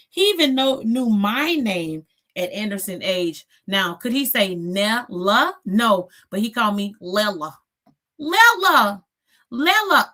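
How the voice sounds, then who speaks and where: A woman's voice: medium pitch, fairly bright tone. A woman in her forties hosting a reaction channel, giving blunt, sassy commentary and tagging her points with "okay?".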